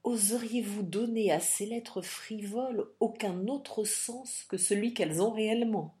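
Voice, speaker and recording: A woman's voice: mid-range voice, unhurried, warm tone, natural voice. A woman reading the lines of a proud, indignant young widow countess in an audiobook. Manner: indignant, dignified.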